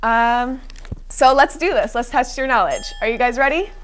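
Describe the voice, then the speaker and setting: Explaining the rules of a student-made quiz show filmed in a college TV studio, this young female game show host sounds upbeat but often trips over fillers like um and uh, restarting sentences. Her voice is slightly high and her pace moderate, with a little hiss or hum in the audio.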